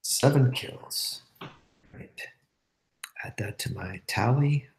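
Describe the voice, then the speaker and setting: A man playing a tabletop game, relaxed and thinking aloud as he talks. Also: medium pitch, slow, echoey room, in a whisper. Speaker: player. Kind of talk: casual tabletop game chat.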